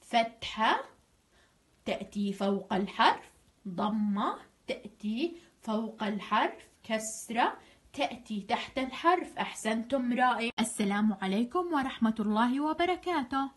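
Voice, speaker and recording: Brief: young Jordanian woman, primary teacher, slightly high-pitched, warm praise, drawn-out words. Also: lively intonation. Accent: Jordanian Arabic. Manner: encouraging, praises often, drawn-out example words. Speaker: first-grade teacher. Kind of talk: recorded online grammar review lesson.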